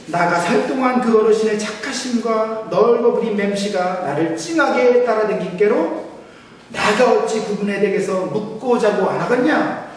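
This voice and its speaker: A man putting on a Jeolla dialect as a rustic countryman, loud and exclamatory, drawling. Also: high-pitched, slight background noise, pitched above the performer's own voice. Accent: Jeolla dialect, put on. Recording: echoey church hall, mic far off.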